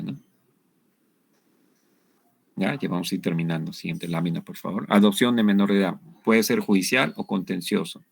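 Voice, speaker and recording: A man's voice: low voice, creaky, breathy edge, no echo. A man giving a law lecture over slides, in a conversational way that keeps asking "¿no?". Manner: conversational, asks "¿no?" and "¿no es cierto?" often.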